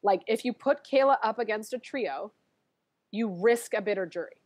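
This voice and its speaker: A chatty woman talking as a guest, animated and full of laughs, jumping between thoughts and circling back. Her voice sits in a middling pitch. The recording is dry, with no room sound. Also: normal speed, dry recording. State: allergies, sniffly. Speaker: guest, former reality show contestant. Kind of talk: casual chat.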